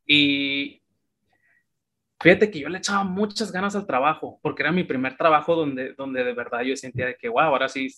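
As a guest in a casual interview, a Mexican man in his thirties talks about his past. His bright, forward voice is a little high, and he moves at a moderate pace, telling stories in a relaxed, chatty way packed with small fillers.

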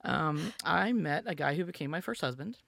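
A woman's voice: low voice, lively intonation, normal speed, gravelly, fairly bright tone, no echo. A woman from Alabama, a musician and podcast guest, telling her story in a chatty, filler-heavy way and acting out quotes. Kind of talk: casual storytelling interview.

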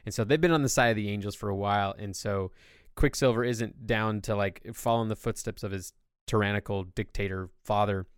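A man's voice: lowish voice, brisk, clear, resonant tone, no echo, clean studio sound. A man hosting a podcast, explaining things at length in a casual, enthusiastic way. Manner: long-winded enthusiastic explaining. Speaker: podcast host. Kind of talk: casual chat.

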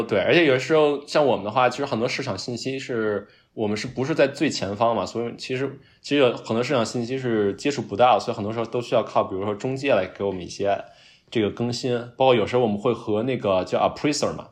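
A man with a strong Beijing accent chatting casually on a podcast. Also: medium pitch. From Beijing, China.

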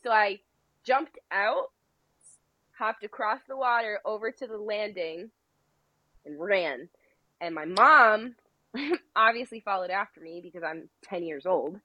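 A woman's voice: mid-range voice, a little slow, long pauses, dry recording, muffled recording. A young adult woman telling a story in casual chat, rambling and full of fillers, often laughing between phrases.

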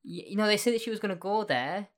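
A woman co-hosting a casual podcast chat, excitable, jokey and gushing, with a cartoonish voice. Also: medium pitch, fast talker. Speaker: podcast co-host. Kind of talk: casual chat about a TV series.

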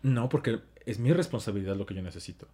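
Fast-talking Mexican man. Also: fairly low pitch, slightly rough. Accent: Mexican Spanish. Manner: fast-talking, animated, acts out his own inner voice. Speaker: guest speaking on emotions and relationships. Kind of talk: casual conversational explanation.

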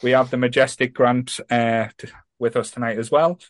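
A man's voice: mid-range voice, steady tone, moderate pace, no room sound. A man hosting a podcast in casual chat, rambling and self-deprecating. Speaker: podcast host.

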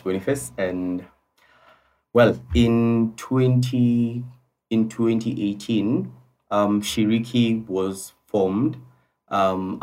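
Male guest from Kenya, low and quite flat, polite measured conversation, distant mic. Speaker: podcast guest. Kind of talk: conversational interview answers.

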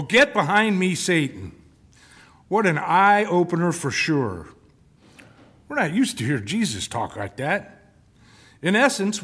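Conversational male preacher, slightly high voice. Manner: conversational, asks the congregation questions. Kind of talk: sermon.

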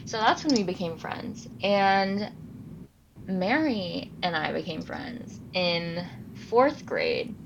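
Speaking slowly with vocal fry and big pitch swings, this fairly low-voiced podcast co-host is nineteen and from Los Angeles, California. She wanders through casual stories, correcting herself and going off on tangents, over dull audio with a little hiss or hum.

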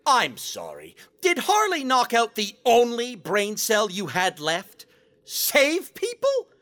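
Sardonic male rogue villain, bright forceful voice, slow theatrical drawl, audio drama. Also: extremely high pitch, wildly swooping pitch, heavily acted. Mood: scornful. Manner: dramatic, snide, drawn-out delivery. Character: theatrical, sarcastic, self-serving male rogue supervillain.

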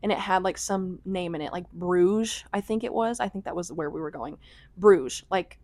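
A woman's voice: lowish voice, normal speed, a little mellow, dry recording. A young American woman telling a travel story in casual vlog style, peppered with "like" and laughing asides. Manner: chatty, filler-heavy with frequent "like", laughing asides. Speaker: vlogger.

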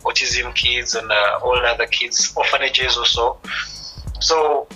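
A man, a musician guest speaking thoughtfully, with many pauses, in a radio interview. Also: mid-range voice, steady tone, sharp tone, faint music behind, rough recording. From East Africa. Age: 30s.

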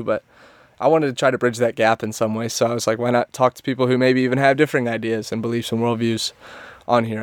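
A man's voice: medium pitch, clean tone, no room sound. Young man talking from inside a closet. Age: 20s. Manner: casual, rambling, thinks aloud with many "like"s. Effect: close, muffled closet sound. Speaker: podcast host. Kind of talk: unscripted podcast trailer monologue.

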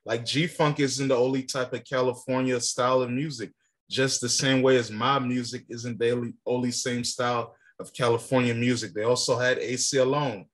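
In a casual rap debate on a podcast he co-hosts, a young man pushes his point in profane, casual talk, interrupting his partner. His mid-range voice keeps a steady tone at normal speed.

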